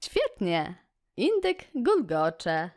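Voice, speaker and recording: A woman hosting a children's educational video, speaking slowly and encouragingly in a sing-song way. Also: medium pitch, wildly swooping pitch, very noisy.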